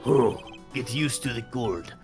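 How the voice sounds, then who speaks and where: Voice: mid-range voice, expressive, a little slow, darkish tone, faint music behind. A performer voicing a bumbling, cheerful male detective sidekick in an improvised comedic fan dub, goofy and eager.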